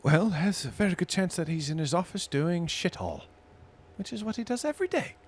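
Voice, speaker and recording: A man's voice: high-pitched, animated, a little fast, voice pushed up. A man voicing a guarded, disgruntled barmaid in a tabletop game, hesitant and dryly cynical. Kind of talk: tabletop role-play.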